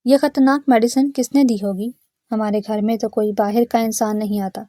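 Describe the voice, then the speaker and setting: A woman's voice: fairly high pitch, steady tone, warm tone, no echo, lightly acted. A woman voicing a worried young sister who asks concerned questions.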